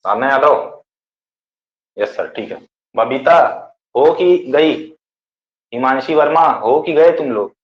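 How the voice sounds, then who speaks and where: A man teaching a class, dictating notes slowly and asking and answering his own questions. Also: mid-range voice, animated. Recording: echoey room, dull lo-fi sound.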